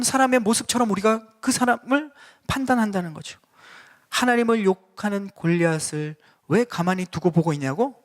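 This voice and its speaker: A male pastor preaching a sermon in a church and putting questions directly to the congregation. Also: sits high. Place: church sanctuary.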